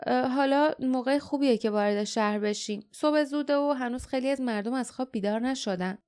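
A woman reading the part of a calm, proud young man who explains things quietly and quickly in an audiobook. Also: high voice, clean tone, close to an everyday voice. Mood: quiet explaining.

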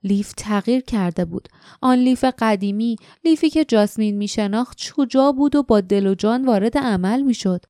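Woman narrator for an audiobook, mellow warm tone, steady and measured storytelling. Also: mid-range voice, smooth, no room sound, studio quality.

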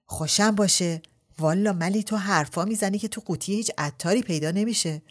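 A quick-tempered older noblewoman from a storybook, put on by a woman reader, full of biting retorts. Her voice sits low and dark, and she scolds with raised force. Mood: scolding, indignant.

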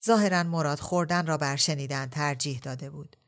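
A woman narrating a novel in a calm, measured storytelling manner. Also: sits low.

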